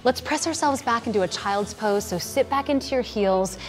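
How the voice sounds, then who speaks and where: A woman's voice: on the high side, normal speed, faint music behind. Upbeat woman trainer cueing yoga moves. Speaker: fitness trainer. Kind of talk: guided yoga instruction. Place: large indoor home gym studio.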